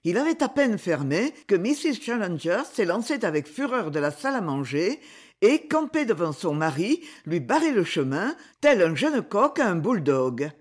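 An audiobook narrator reading a novel chapter in a measured, expressive way. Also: medium pitch. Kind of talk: scripted literary narration.

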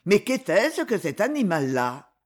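A man reading the part of a bold, calm English hunter in an audiobook, with a steady, decisive manner. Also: high voice, unhurried. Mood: calm, assured. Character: bold, coolheaded male English big-game hunter.

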